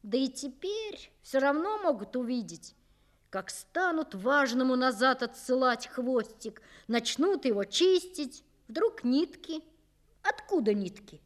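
A woman narrates a story in a fairly high voice. She reads slowly, her pitch rising and falling widely as she acts out the characters and their shouts. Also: very animated. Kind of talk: expressive audiobook reading.

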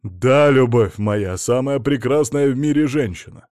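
A henpecked wealthy husband pleading loudly and emphatically with his wife, as read by a male narrator. Mid-pitched, dry, close-miked. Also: expressive, brisk, no echo, lightly acted. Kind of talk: audiobook character reading.

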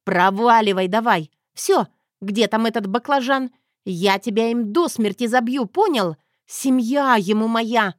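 Woman doing a bratty young wife, high, sassy, defiant, audiobook. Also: no echo, clean studio sound, lightly acted. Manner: sassy, quick to snap back.

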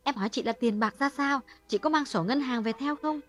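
A woman's voice: sits high, brisk, soft background music, lightly acted. A woman voicing a gossipy younger woman who keeps asking questions in an audiobook. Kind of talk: audiobook dialogue reading.

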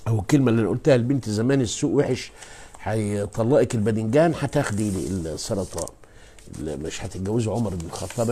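Man, Egyptian Arabic accent, preacher, live-streamed lecture, emphatic, soft-to-loud swings, mid pitch. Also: husky. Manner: animated and emphatic, swinging from soft asides to loud stressed words; exclaims and addresses listeners directly. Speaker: Islamic preacher and scholar.

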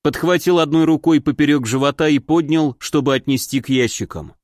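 A man reading a first-person audiobook in a steady, expressive storytelling manner. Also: on the high side, fairly quick, no echo, clean studio sound. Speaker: audiobook narrator.

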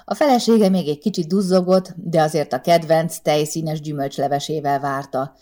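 Brief: woman storyteller, low warm voice, measured expressive narration. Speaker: audiobook narrator.

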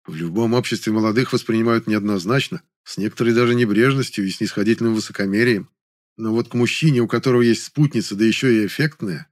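A man narrating a novel in the first person, measured and wry. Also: lowish voice. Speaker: audiobook narrator.

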